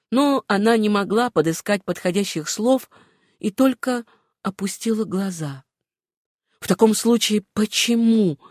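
A woman narrating a novel in a steady, even storytelling manner. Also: medium pitch, dry recording, studio quality. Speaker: audiobook narrator.

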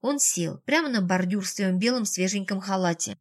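A woman narrating an audiobook in a brisk, plain reading voice. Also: mid-range voice, lively intonation.

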